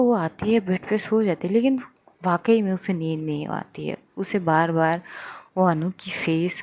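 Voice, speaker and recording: A woman's voice: mid-range voice, a little mellow. A woman retelling a romance story in a loose, conversational way, with casual fillers.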